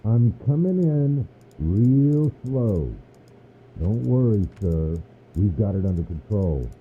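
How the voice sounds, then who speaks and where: This is a steady, reassuring male police officer, voiced by a man. He speaks slowly and a little low, and he sounds muffled and tinny, as if he were coming through a phone line. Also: breathy edge, heavily acted. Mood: calm. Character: calm male police officer behind a door.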